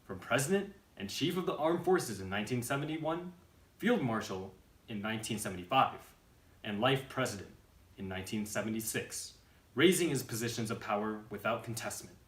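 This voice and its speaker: A man's voice: mid-range voice, expressive, a little fast. Man narrating history, roomy echo. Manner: formal, read from a script. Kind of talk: scripted historical documentary narration.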